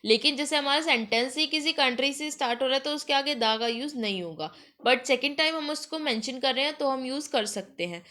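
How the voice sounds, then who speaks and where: A woman teaching an exam-prep grammar lesson, explaining in Hindi mixed with English and reading example sentences slowly. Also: sits high, pushed and bright.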